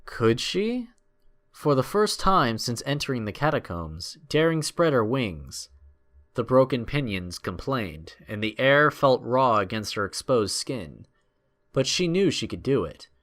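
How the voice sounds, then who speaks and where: In a dramatic, expressive style at a measured pace, a mid-range male voice reads out a scripted adventure tale.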